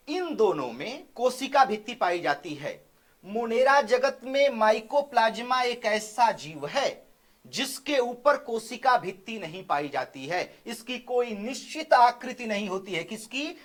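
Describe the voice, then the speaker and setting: A male teacher giving an exam-prep biology lecture. He asks questions and answers them himself, repeats key terms slowly, and keeps checking in with "theek hai". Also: sits high. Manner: drills by asking and answering his own questions.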